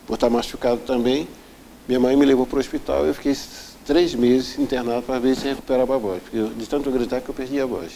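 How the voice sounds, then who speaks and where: A man with a dark, mellow voice is interviewed and recounts a hard personal story. He tells it earnestly and vividly, often acting out the people he describes. Faint background noise runs under his voice. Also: mid-range voice, poor audio. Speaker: interview guest.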